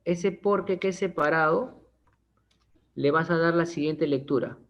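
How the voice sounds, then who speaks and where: A male teacher explains grammar in an online class, checking in often with quick tags and joking everyday examples. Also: fairly high pitch, fairly bright tone. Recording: dull lo-fi online class audio.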